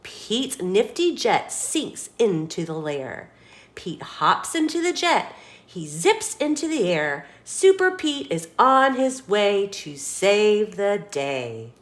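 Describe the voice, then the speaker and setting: This woman hosts storytime, reading a children's picture book in a slow, mid-range voice. She's dramatic and expressive, stopping to put questions to the kids listening.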